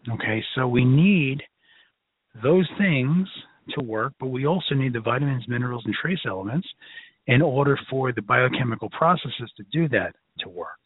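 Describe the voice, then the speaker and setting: A man's voice: medium pitch, expressive, moderate pace, husky, no echo. A man with a Brooklyn accent giving an informal, emphatic lecture to a class in a conversational, folksy way. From Brooklyn, New York. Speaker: lecturer, health educator. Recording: narrow phone-like line.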